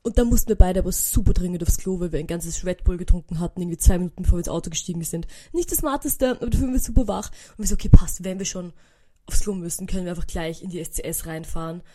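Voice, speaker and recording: A young Austrian woman talks fast and eagerly, rushing through a casual story and dropping in English words. Her voice is mellow and warm, never sharp. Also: fairly low pitch. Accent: Austrian German. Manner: chatty, excitable, mixes English words in. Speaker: podcast host.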